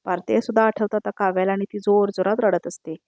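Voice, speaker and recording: A woman's voice: medium pitch, flat delivery, fast talker, darkish tone, no room sound, clean studio sound. A woman giving a casual spoken recap of a TV serial episode, chatting along and tagging each quoted line with who said it. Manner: conversational, repeats "now she says" tags between quoted lines.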